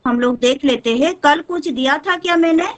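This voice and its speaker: A woman teaching a Sanskrit class, slowly prompting learners and often checking whether they follow. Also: high voice. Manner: chants verses slowly. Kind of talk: online class instruction.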